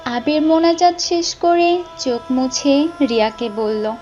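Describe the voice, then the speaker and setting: A woman's voice: high voice, expressive, measured pace, warm tone, dull audio. A woman narrator reading a scripted romantic story with music behind her.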